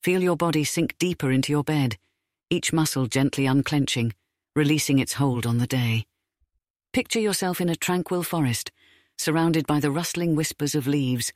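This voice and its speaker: A man speaking as a sleep story host, guiding listeners into relaxation in a soothing, measured manner. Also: fairly high pitch, no echo, studio quality. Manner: soothing, slow, measured delivery.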